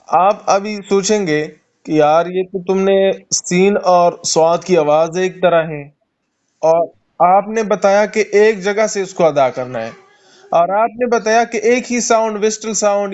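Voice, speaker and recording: A man teaching Quran recitation in an online class, patiently repeating and sounding out letters slowly for a student, with a Pakistani Urdu accent. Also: high voice, darkish tone, highs cut off. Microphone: online call.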